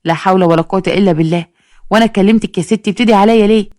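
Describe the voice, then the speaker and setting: A woman's voice: mid-range voice, racing, a little mellow, dry recording, clean studio sound, close to an everyday voice. A woman voicing an exasperated young Egyptian pharmacist who answers customers sarcastically. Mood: exasperated, sarcastic.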